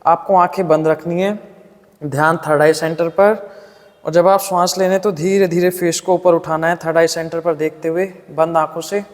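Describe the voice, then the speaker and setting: A man teaching a yoga breathing lesson, guiding calmly and patiently step by step and demonstrating the breaths and hums aloud. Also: a little high, moderate pace, long reverb tail. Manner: calm, patient step-by-step guidance. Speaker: yoga instructor.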